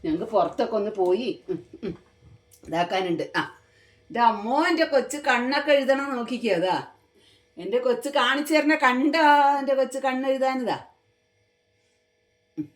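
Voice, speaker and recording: A woman's voice: fairly high pitch, lively intonation, normal speed, pauses often. Doting woman in sing-song baby talk. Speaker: pet vlogger. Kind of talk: casual baby talk to a pet.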